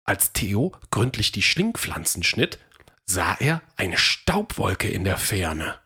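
A woman narrating a children's story in a slow, lively storytelling manner. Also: extremely low pitch, breathy edge.

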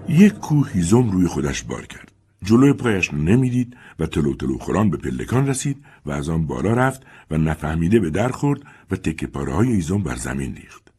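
Male narrator for a literary audiobook; low, husky, expressive. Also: faint music behind.

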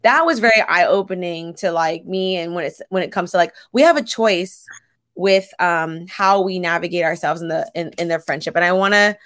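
A woman's voice: fairly low pitch, a bit bright, no room sound. Reflective woman in dry-sounding chat. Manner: reflective, halting, restarts mid-sentence. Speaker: podcast co-host, dance and Pilates teacher. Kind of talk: casual chat.

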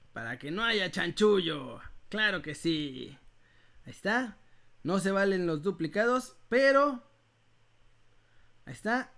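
A man with a Mexican accent hosting a casual live giveaway, speaking to viewers like a playful, animated prize announcer. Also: sits high. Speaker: host of an online news channel running a live giveaway.

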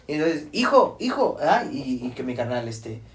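A young Mexican man casually telling a ghost story to friends, rambling and jumping into quoted voices. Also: moderate pace. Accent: Mexican Spanish. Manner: rambling, acts out quoted voices with high pitch jumps. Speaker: podcast host telling a scary story. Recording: echoey room.

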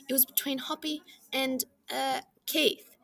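Brief: a woman doing a high, anxious storybook mother kangaroo, bright and fretting. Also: little pitch movement, a little slow, gravelly, full character voice. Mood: fretful nervous. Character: nervous, fretful mother kangaroo.

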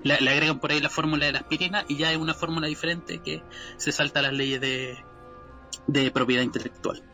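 A man with a Chilean accent in casual chat, explaining a topic in a halting, restarting way. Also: fairly high pitch, steady tone, pushed and bright, soft background music. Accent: Chilean Spanish.

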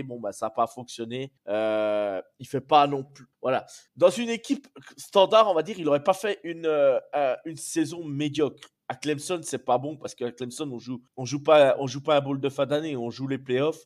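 Male host, casual sports fan show, slightly hoarse, rambling and repetitive, mid-pitched. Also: darkish tone. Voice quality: hoarse from a cold.

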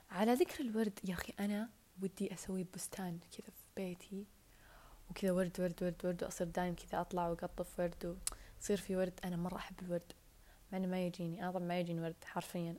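On a casual solo podcast, a woman with a Saudi Arabic accent and a lowish voice rambles and rushes, often dropping into whispers. It was recorded on a wired earphone mic.

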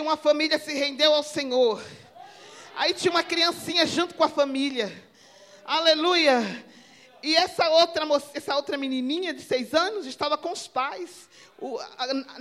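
A woman preaching a fervent church sermon, telling a testimony, dropping in hallelujahs constantly and rising from quiet storytelling to shouts. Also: high-pitched. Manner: speaks in tongues.

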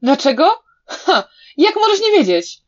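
A woman voicing a cunning, cruel young male villain who sneers, shouts and laughs manically, in a slightly dull recording. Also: sits high, sing-song, unhurried, pitched above the performer's own voice. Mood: sneering.

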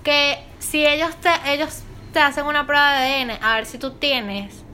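Young Venezuelan woman with an Andean lilt, casual chat, high bright voice, faint background noise. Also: normal speed. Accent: Venezuelan Andean (gocho). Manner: laughing, slangy, emphatic.

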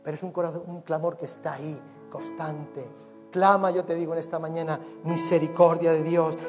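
A male pastor, preaching a sermon with passion, swinging from loud cries to hushed tones. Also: fairly high pitch, flat delivery, fairly quick. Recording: long reverb of a hall, faint music behind.

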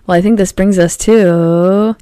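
Brief: woman podcast co-host, agreeable, quick to chime in, dry close recording. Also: mid-range voice, fairly even intonation, mellow, clear, resonant tone, no room sound. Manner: agreeable, frequent short affirmations. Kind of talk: casual chat.

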